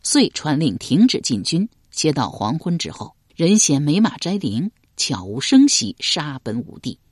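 A man's voice: fairly high pitch, huge pitch swings, measured pace, husky, dry recording, studio quality. A man narrating a historical novel, telling it dramatically and voicing many characters. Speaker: storyteller.

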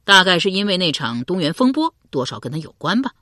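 A woman reading the part of a carefree male scholar and drinker, speaking loudly with a teasing, mocking edge. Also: on the low side, very animated, quick pace, no echo, studio quality. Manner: teasing, loud and laughing.

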